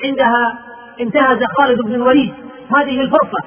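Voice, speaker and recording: Male preacher, high-pitched, fervent sermon delivery, lo-fi phone-line recording. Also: steady tone, fast. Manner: fervent storytelling with quoted speech. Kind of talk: sermon narrating early Islamic battle history.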